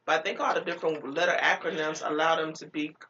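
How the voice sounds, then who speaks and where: A woman's voice: low voice, steady tone, fast, sharp tone, a little hiss or hum. A woman co-hosting a casual podcast, talking frankly. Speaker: podcast co-host. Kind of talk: casual chat. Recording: dull lo-fi audio a bit off-mic.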